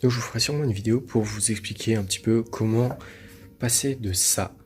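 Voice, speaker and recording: A man hosting his own video, chatting casually and showing off his collection, relaxed and full of hesitations and fillers. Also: lowish voice, a little fast. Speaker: manga collection video host.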